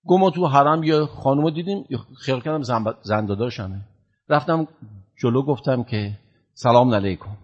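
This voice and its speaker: A man giving a sermon, telling a story in a lively way, rising loud and dropping low. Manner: animated, swings from loud to hushed. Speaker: preacher. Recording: dull lo-fi sound.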